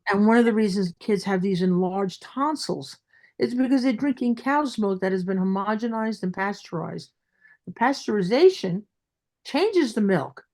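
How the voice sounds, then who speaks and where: A woman's voice: medium pitch, animated, normal speed, darkish tone. A woman with a Brooklyn accent speaking as a dentist guest in an interview, emphatic and repeating phrases for stress.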